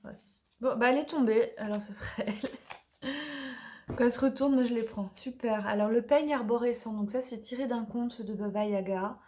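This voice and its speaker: A woman casually presenting her oracle deck, chatty and hesitant with many fillers, slightly hoarse from allergies. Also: on the high side, moderate pace, warm tone. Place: dim room in the evening.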